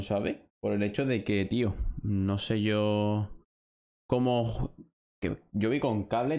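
Young man, Spanish accent, fairly low voice, frustrated live gameplay commentary, cursing at rivals. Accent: Spain Spanish. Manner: frustrated, swearing, talking to himself and chat. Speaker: gaming streamer.

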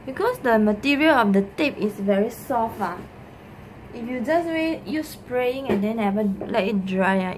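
This vlogger, a middle-aged woman with a Singaporean accent, has a fairly high-pitched voice as she casually improvises a cleaning how-to, hesitating, repeating points, and adding "lah" and "ah." She films indoors in a small bedroom with a desk. The audio comes from a camera mic at arm's length on the desk and is noisy with room ambience.

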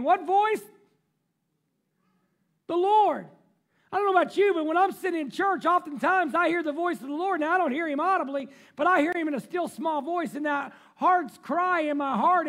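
A male pastor preaching a sermon in church, reading scripture and swinging between loud emphatic passages and quiet, low asides. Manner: reads scripture aloud and breaks off into joking remarks. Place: church sanctuary.

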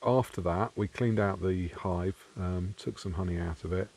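A middle-aged man chatting casually in a sunny garden on a lapel mic, explaining things in a relaxed way with pauses and fillers. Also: low-pitched, breathy edge. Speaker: vlogger renovating a farmhouse. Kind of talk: casual chat. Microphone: clip-on lapel mic.

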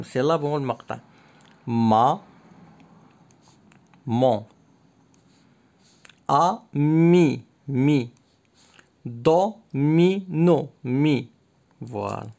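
A man teaching a workbook lesson to young pupils. He reads each word twice, slowly and clearly, then explains the instructions again in Arabic. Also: medium pitch, a little mellow.

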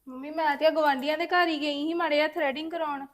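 A woman's voice: sits high, steady tone, fast, dry recording, clean studio sound, natural voice. Woman playing a resentful young daughter-in-law. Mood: defensive. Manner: complaining, defensive back-talk. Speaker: daughter-in-law in a family drama. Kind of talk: web series family drama acting.

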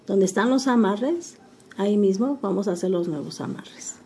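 Mellow older woman teaching embroidery. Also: medium pitch, moderate pace, a little hiss or hum. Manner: patient, calmly narrates each stitch while working. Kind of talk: step-by-step craft tutorial.

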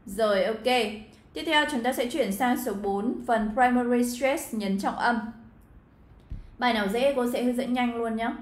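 A woman's voice: on the high side, unhurried, echoey room. A woman from Vietnam, an English teacher, chatting her way through an exam walkthrough and talking straight to her students. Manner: chatty, addresses students directly, frequent fillers.

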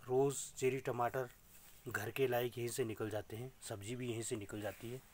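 A man's voice: medium pitch, fairly even intonation, moderate pace, a little hiss or hum. A middle-aged man giving a casual vlog tour of his small organic farm greenhouse, explaining the crops to viewers as he films on a phone held at arm's length. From Uttarakhand, India. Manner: plain, explanatory, pointing things out to viewers. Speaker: organic farmer. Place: inside a small polyhouse greenhouse. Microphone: phone camera held at arm's length.

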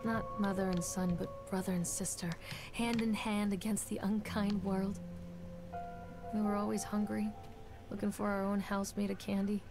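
A haunted, grieving mother, voiced by a woman speaks in a soft, wistful, mid-pitched voice. Music plays behind her. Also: little pitch movement, moderate pace, natural voice.

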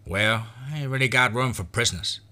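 Man playing cowboy gang leader, growling, sardonic, threatening, very forceful sharp tone, western horror tale. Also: mid-range voice, brisk, voice pushed up. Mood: sardonic menace. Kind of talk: horror western audio story.

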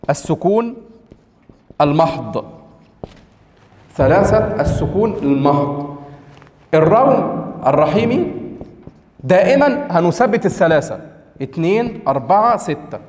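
A man's voice: high-pitched, darkish tone. Egyptian man teaching in echoey hall. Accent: Egyptian Arabic. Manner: explanatory, checks understanding with short questions; slows down to pronounce examples. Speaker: Quran recitation teacher. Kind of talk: lecture on tajwid rules. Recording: echoey room with long reverb.

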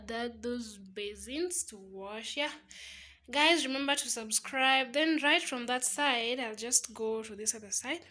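A young woman with a Kenyan accent talks casually into a handheld phone as she shows off her small single room. Her voice sits a little high and bright, and she drops Swahili words into her English as she goes. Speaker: vlogger. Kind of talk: casual house tour narration. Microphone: phone camera held while walking.

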